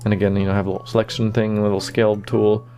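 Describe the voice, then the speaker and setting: A man giving casual behind-the-scenes commentary on his own animation, relaxed and full of fillers like "you know" and "kinda". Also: lowish voice, rapid-fire, faint music behind.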